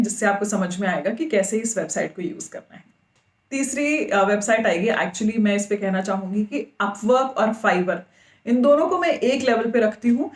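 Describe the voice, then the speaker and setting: A woman with a slightly high voice hosts a podcast and gives advice in a casual way. She explains each point step by step and spells names out letter by letter. Her voice rings in an echoey room. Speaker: podcast host.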